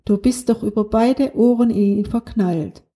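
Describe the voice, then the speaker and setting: A woman voicing a kind young alien girl in a children's audiobook, gentle and reassuring. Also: on the high side, moderate pace, natural voice.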